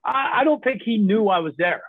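A man, a podcast guest, recounts his past in a candid, casual way, with frequent laughs and ums. His voice sits fairly high for a man. It comes through a tinny, phone-like line that is completely dry. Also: lively intonation, brisk, no room sound. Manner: candid, laughs often, many fillers. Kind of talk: casual storytelling.

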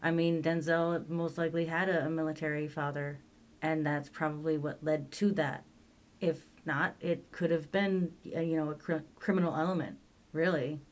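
A woman's voice: deep voice, flat delivery, moderate pace. A woman co-hosting a casual podcast, chatting about a movie and acting out lines from it. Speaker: podcast co-host. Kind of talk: casual chat.

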